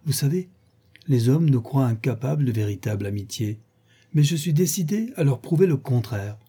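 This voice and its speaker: Brief: a man doing a flighty, effusive young lady in a storybook, raised pitch, dark husky tone. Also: lively intonation, moderate pace. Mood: gushing. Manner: effusive, exaggerated, gossipy. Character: gushing, flattering young woman friend. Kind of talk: audiobook reading.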